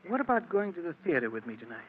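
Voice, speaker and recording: On a muffled, noisy old radio recording, an actor performs the part of a bitter, lovelorn man trapped in an unhappy marriage, confessing his past through narration and dialogue. He sounds pleading, racing along in a fairly high, sing-song voice, earnest and dramatic.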